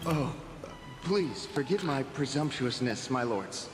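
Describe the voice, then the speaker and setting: A man's voice: mid-range voice, lively intonation, slow, in a large hall. A man voicing a timid, overly polite attendant in a video game, courteous and apologetic. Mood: deferential. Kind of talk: scripted video game voice acting. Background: game music.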